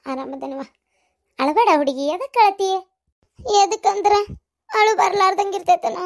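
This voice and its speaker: A woman voicing chatty village women in a comic cartoon, with a North Karnataka Kannada accent and a shrill, exclaiming manner. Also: lively intonation, measured pace, heavily acted. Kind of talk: cartoon voice acting.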